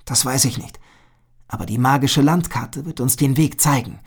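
A man voicing a thoughtful, cautious young male animal hero, speaking quietly and sometimes half in a whisper. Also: mid-range voice, normal speed, husky, close to an everyday voice. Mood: wary. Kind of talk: storybook reading.

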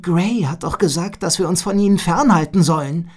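A woman voicing a young male bird who is eager to prove his courage, in a high boyish voice. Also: moderate pace, darkish tone, slightly rough.

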